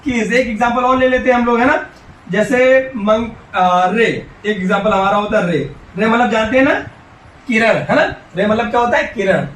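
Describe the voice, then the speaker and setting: This male teacher's voice is very high and a bit bright, at a normal speed. Giving a classroom English grammar lesson, he asks questions and supplies the answers himself, speaking directly to the children and gently urging them along. Recorded in an echoey room, he sounds far from the mic.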